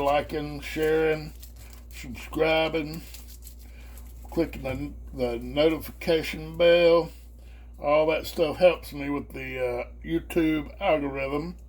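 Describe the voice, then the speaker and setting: A man's voice: on the high side, darkish tone. A man chatting casually and colloquially as he hosts a homemade cooking demonstration. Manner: folksy, colloquial, with y'all and homespun phrases. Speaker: host of a home cooking video channel. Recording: faint background noise and hum.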